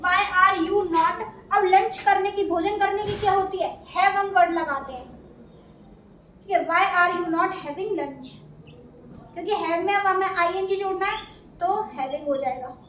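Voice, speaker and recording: A woman's voice: very high-pitched, unhurried, a bit bright, recorded from a distance. A woman with an Indian accent teaching an English grammar class, asking questions and answering them herself. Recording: echoey room, voice from afar, faint noise.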